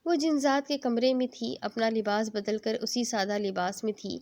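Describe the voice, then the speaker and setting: A woman reading a romance novel aloud in a steady, gentle manner. Her voice sits fairly high, and the narration flows evenly like a storybook reading. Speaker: novel reader.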